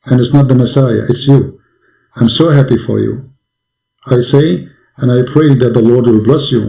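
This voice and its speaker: A male preacher with a gravelly, dark, mellow voice pleads with a caller. He asks question after question and speaks English with non-native grammar. His voice rings in a roomy, echoing space. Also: mid-range voice.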